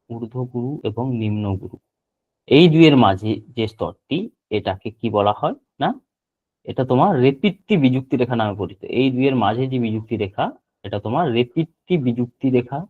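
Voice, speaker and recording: A male teacher leads an online lesson, saying key terms again and again so his students can copy them. His voice sits at an ordinary pitch for a man. It comes through a narrow, tinny call line. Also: animated. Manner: repeats terms slowly for note-taking. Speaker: geography teacher. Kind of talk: online class lecture.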